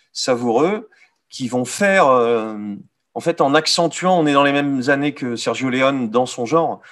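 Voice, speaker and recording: A man with a French accent giving a live art history lecture, pausing often with fillers and correcting himself. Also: medium pitch, fairly bright tone. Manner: hesitant, many "euh" fillers, self-correcting.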